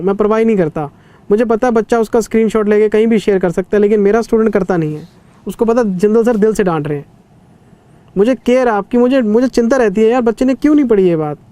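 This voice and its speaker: A CA exam teacher in his thirties runs an accounting revision class, lecturing conversationally and being stern yet caring with students. His voice sits high with a dark tone.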